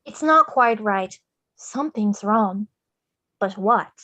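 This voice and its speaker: A woman playing an excitable, theatrical showman in a musical script read, with declamatory, singsong phrasing. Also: medium pitch, slow, heavily acted. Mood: pensive, dissatisfied. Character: Jack, theatrical, excitable showman leader of Halloween Land.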